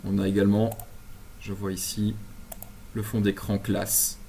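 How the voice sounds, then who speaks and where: A man from Belgium giving a relaxed software tutorial from his apartment over a video call, with many fillers and restarts. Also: on the low side, unhurried, slight background noise. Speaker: instructor. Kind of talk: screen-share software tutorial. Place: home apartment.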